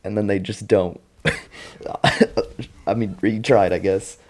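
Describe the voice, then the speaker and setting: A man's voice: on the low side, steady tone, slow, darkish tone. A young man recapping a TV show in a casual vlog, full of slang, swearing and laughter.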